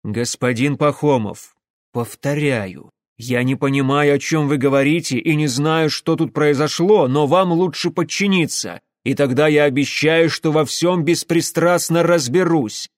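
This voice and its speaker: A man's voice: a little high, no room sound, clean studio sound, natural voice. A man voicing a stern, controlled middle-aged officer giving firm orders. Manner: firm, measured.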